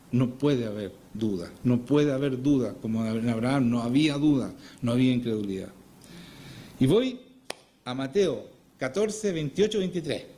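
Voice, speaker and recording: A man's voice: medium pitch, warm tone, slight background noise. A man preaching a Sunday sermon in church, often putting rhetorical questions to his congregation. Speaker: pastor. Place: church service.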